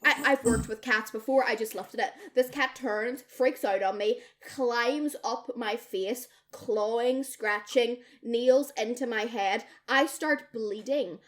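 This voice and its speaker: A woman's voice: fairly high pitch, slow, hardly any pauses. A young woman co-hosting a podcast, telling a story in casual chat, swearing freely and acting out what people said. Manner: lively, swears freely, acts out quoted people. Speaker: podcast co-host.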